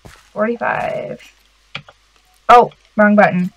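A woman chatting casually as a guest while gaming, bubbly and quick to laugh. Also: medium pitch, expressive, gravelly, dull audio, slight background noise. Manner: giggly and bubbly. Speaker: guest gamer.

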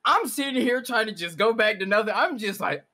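A man's voice: sits high, lively intonation, a little fast, sharp tone. A man in a casual, slangy livestream chat with friends, cursing freely in an amused, exasperated way. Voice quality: slangy, profane talk. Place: home setup, online group video call.

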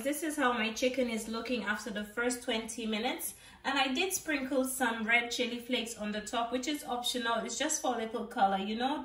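A woman's voice: on the high side, fairly bright tone, distant mic. Chatty woman in an echoey kitchen. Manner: chatty, ends phrases with "okay?". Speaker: cooking channel host. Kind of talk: casual cooking tutorial. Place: home kitchen. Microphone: off-camera camera mic, overhead framing.

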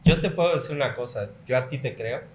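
A man hosting a podcast interview, supportive of his guest and asking questions calmly. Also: medium pitch, fast. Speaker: podcast host. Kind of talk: casual interview. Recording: roomy echo, faint background noise.

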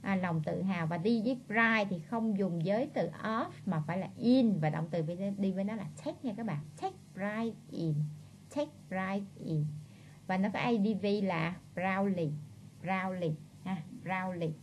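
A woman with a Southern Vietnamese accent runs a vocabulary lesson at a mid-range pitch. She drills each word by saying it over and over, slowing right down on the key ones. Her talk is peppered with friendly prompts that nudge the class along. A faint noise sits under her voice. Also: highs cut off. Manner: drills words by slow repetition, coaxing chatty tag words. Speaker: English teacher.

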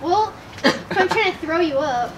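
A young American woman with a very high voice chats in a slow, playful, bossy way. She is straining with effort as she talks casually. The recording is made outside in a yard, with clear wind and ambient noise. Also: lively intonation, recorded from a distance. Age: 20s. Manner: playful, bossy, often laughing. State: straining under a heavy load. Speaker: vlogger doing a fitness challenge. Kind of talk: casual banter during a couple's challenge. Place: residential backyard, outdoors. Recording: noisy, windy outdoor camera audio.

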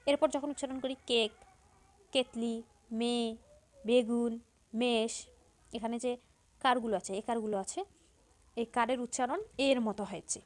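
A high-voiced woman teaching a school grammar lesson. She explains patiently and step by step. She says each example word slowly and repeats it. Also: darkish tone.

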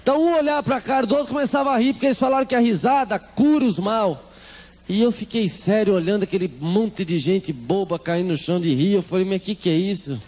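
A man's voice: high-pitched, fast talker, darkish tone. A man with a Brazilian Portuguese accent gives a humorous testimony to a congregation, acting out the voices of the people in his story. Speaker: church testimony speaker.

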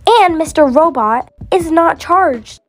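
A woman's voice: high-pitched, animated, moderate pace, dry recording, faint music behind. A girl voicing a rude, bossy rich businessman in a toy-game role-play, scolding and impatient.

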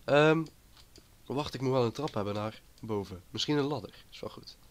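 A man with a cold talks through his gameplay in a loose, rambling way. He chats on at an ordinary pitch, jumping from one thought to the next. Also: normal speed, a little hiss or hum. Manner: rambling and chatty. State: has a cold. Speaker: gaming YouTuber. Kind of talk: casual gameplay commentary.

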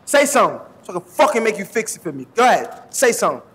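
An actor playing an aggressive, impatient suspect who swears and threatens. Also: male voice, sits high, big pitch swings, fast talker, fairly bright tone, roomy sound, in a large hall. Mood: threatening. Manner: profane, menacing, confrontational. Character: hostile tough male suspect, impatient, aggressive. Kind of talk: comedy sketch acting.

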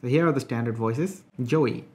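Man casually walking through a software tutorial. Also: mid-range voice, moderate pace. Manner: relaxed, conversational, frequent "uh" fillers. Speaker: software reviewer. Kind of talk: casual screen-recorded tutorial.

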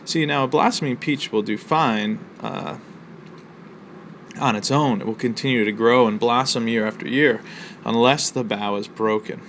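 A man teaching a college literature lesson, explaining a poem's rhythm and imagery in a measured way with fillers and pauses. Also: mid-range voice, a bit bright, slight background noise. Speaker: college instructor. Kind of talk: recorded literature lecture. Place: outdoors near a library.

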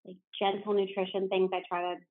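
On a tinny phone-style line, a woman from New Jersey talks easily as a podcast guest, filling her speech with "like." She speaks at medium pitch, fairly quickly and flatly.

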